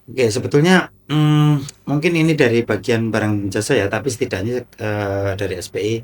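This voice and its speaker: A man's voice: mid-range voice, normal speed. A man as podcast guest, explaining cases patiently, step by step with examples. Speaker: guest expert on internal oversight.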